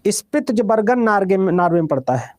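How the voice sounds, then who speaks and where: A man with a Bihari Hindi accent teaching a geography class, repeating each item slowly for students to write down and calling them "beta". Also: high-pitched, sing-song, a little mellow, dry recording.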